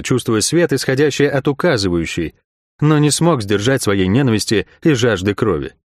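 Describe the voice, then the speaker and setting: A man's voice: mid-range voice, a little mellow, no room sound. Male audiobook narrator, dry close sound. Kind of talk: scripted fantasy narration.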